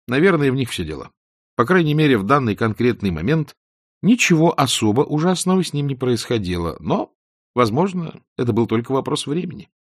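A man narrating an audiobook in an expressive, varied reading. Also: medium pitch, no echo, clean studio sound. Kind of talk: scripted narration.

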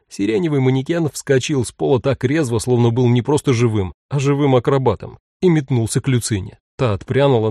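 A man reading an audiobook, telling the story in an expressive and ironic way. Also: mid-range voice, gravelly, no echo, clean studio sound. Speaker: narrator. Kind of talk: audiobook narration.

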